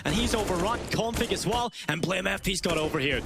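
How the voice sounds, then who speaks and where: High-pitched male esports caster, dramatic delivery. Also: a little fast, gravelly, noisy background. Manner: dramatic, building to excited calls on big plays. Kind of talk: live esports match commentary.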